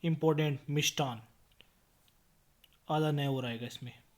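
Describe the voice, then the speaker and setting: A man's voice: on the high side, steady tone, darkish tone. A man tutoring Hindi spelling, reading out words one by one and correcting common mistakes. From India. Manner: slow, word-by-word dictation with corrections. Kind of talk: spelling drill lesson.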